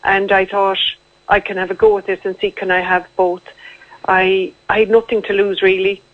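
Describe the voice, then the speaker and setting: Calling in by telephone, a woman from the west of Ireland recounts her own story as a radio interview guest, chatty and matter-of-fact. Her voice sits mid-range, delivered flatly at a moderate pace. There's no room sound, just a tinny, narrow-band phone line.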